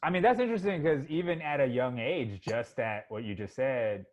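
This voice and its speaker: A podcast host with a medium-pitched voice chats casually at a moderate pace, rambling and swearing, with plenty of "you know". The sound is slightly dull.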